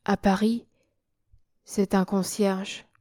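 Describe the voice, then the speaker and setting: A woman voicing a hypnotized prince who gives slow, halting answers in a trance in an audiobook. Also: medium pitch, level tone, dark tone, natural voice. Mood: entranced. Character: hypnotized prince, grown man, dazed and obedient.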